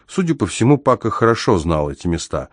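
A man narrates a first-person adventure story at a measured, even pace. His voice is very low and deep. The recording is dry and close, with no room sound. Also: no room sound. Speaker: audiobook narrator.

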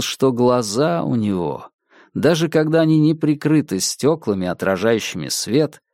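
A man narrating a gothic story in a measured, somber, dramatic reading. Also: medium pitch, darkish tone, no echo, clean studio sound. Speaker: audiobook narrator. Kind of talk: scripted narration.

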